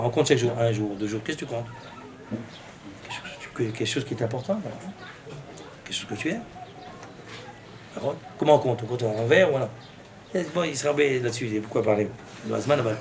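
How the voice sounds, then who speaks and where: A man's voice: medium pitch, slight background noise. A man, a rabbi, giving an impassioned sermon, breaking into fervent rhetorical questions and mixing in Hebrew terms. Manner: mixes Hebrew terms into his speech.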